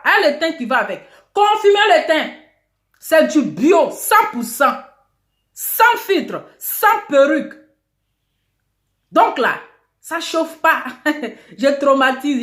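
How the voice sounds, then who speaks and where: A woman vlogger talks in a high, lively voice that swings up and down, boastful and theatrical, full of repeated catchphrases. She sounds like she's in an echoey room. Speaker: online video host. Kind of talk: casual talking-head gossip vlog.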